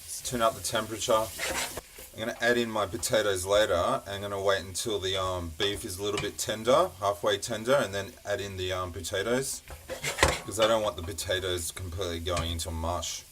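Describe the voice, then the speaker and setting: A man's voice: lowish voice, steady tone, fairly quick. A man hosting a cooking show, casually talking through each step as he cooks, in a noisy kitchen recording. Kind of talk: casual cooking demonstration narration. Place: indoor kitchen at the stove. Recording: noisy kitchen with sizzling and clicks. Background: frying sizzle, stirring, clicks.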